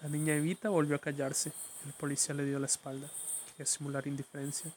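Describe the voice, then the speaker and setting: A man reads a story aloud at a measured, steady pace. His voice sits a little high and stays quite flat in melody. Faint noise runs under the recording. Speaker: narrator. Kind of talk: storybook reading.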